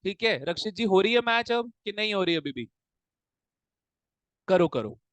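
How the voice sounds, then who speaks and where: High-voiced male tutor quizzing his class. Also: very animated, a bit bright, no echo, rough recording. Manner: drills students with rapid call-and-answer questions; fatherly, calls students "beta". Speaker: commerce tutor. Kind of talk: classroom lecture mixing Hindi and English. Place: coaching classroom.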